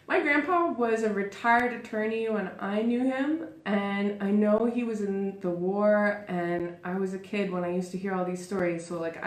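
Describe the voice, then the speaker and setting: A woman in her thirties hosting a live talk show, telling her own story in a theatrical, chatty, self-mocking way. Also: mid-range voice. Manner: chatty, with frequent "like" and "super". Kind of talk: live personal monologue. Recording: roomy echo.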